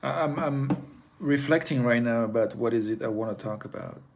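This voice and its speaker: A man with a French accent, talking hesitantly and softly in a reflective live stream, reading chat and repeating his thoughts in two languages. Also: mid-range voice, normal speed, a little hiss or hum. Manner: hesitant, soft-spoken, repeats himself in both languages.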